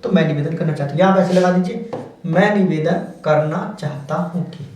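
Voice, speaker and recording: A man's voice: a little high, a little fast, darkish tone, highs cut off. A man teaching a lesson, explaining step by step in a patient, repetitive way. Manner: repetitive, patient, says "dekhiye" often. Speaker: shorthand teacher. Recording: very echoey room, distant mic, faint hiss.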